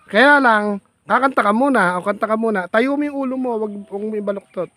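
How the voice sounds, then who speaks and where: A man's voice: high-pitched, a little fast, sharp tone, no echo. Playful man teasing a child outdoors. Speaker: vlogger. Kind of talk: casual teasing chat with a child. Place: outdoors in farm fields.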